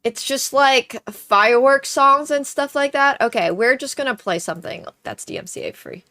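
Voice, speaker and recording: With faint music in the background, a young woman hosting a livestream chats with viewers, thanks them, and attempts greetings in all sorts of languages; Chinese is her native tongue. She speaks at a measured pace in a high, slightly bright voice with big swings in pitch.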